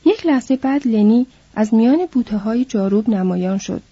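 Brief: audiobook narrator woman, measured reading, somewhat high, husky, dull lo-fi recording. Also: animated, warm tone, dry recording. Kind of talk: novel reading.

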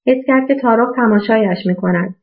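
A woman reading a novel aloud as audiobook narrator in a steady storytelling manner, in a tinny phone-like recording. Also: on the high side.

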